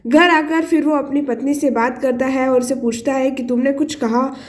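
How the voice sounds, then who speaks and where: A woman telling a family story in earnest, steady scripted narration. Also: high-pitched, normal speed.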